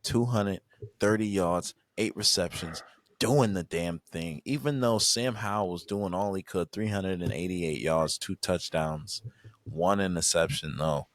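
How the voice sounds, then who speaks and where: A man's voice: sits low, unhurried, no echo, clean studio sound. A young man hosting a sports podcast, laid-back and casual, reeling off game stats with the odd sigh. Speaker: podcast host.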